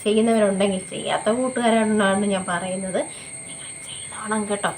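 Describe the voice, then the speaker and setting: A woman's voice: medium pitch, fairly even intonation, a little fast, a little mellow, slight background noise, poor audio. A woman beauty vlogger chatting casually at home through a skincare tutorial, repeating herself and constantly checking in with viewers. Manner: chatty, repetitive, often adds tag questions to viewers.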